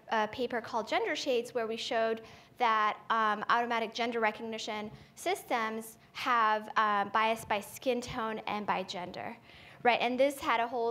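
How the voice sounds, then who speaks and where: Woman from ethiopia on a panel, bit high voice, lots of ums and restarts, keeps saying right?. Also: a bit bright. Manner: thinks aloud with many fillers and restarts, ends points with "right?". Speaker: panelist, AI researcher. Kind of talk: conversational panel talk. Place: conference forum stage.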